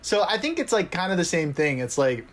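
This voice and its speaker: A young man co-hosting a sports podcast, chatting casually and telling animated stories with frequent laughs. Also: on the high side, brisk, a little hiss or hum. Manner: animated storyteller, laughs often. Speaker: podcast co-host. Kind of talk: casual chat.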